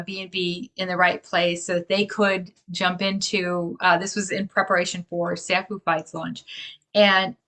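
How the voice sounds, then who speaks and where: A woman's voice: medium pitch, fairly bright tone. A woman enthusiastically explaining a crypto gift card in casual talk on a video call, gushing as she goes. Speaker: crypto community organizer.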